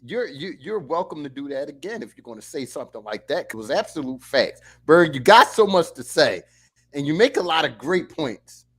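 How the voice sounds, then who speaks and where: Brief: slightly higher-voiced male host, emphatic and playful, casual sports chat. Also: very animated, a little fast, a bit bright. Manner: emphatic, playful, talks over others. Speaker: host of a fan post-game show.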